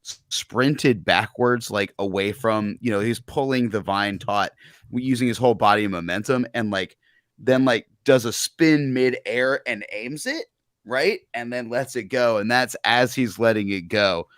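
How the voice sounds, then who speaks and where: A man at a mid-level pitch plays a tabletop game. He rambles through his turns with lots of fillers and laughter. His voice sounds dry and close. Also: unhurried, fairly bright tone, no echo. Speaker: player. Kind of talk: casual tabletop play.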